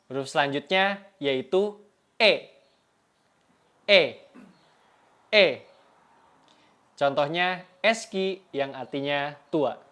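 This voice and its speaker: A man's voice: a little high, extremely slow, long pauses, sharp tone, clean tone. A young man from Indonesia teaching the Turkish alphabet, saying each letter and example word several times and checking in with "Oke?". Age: young adult. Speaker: Turkish language tutor. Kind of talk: language lesson.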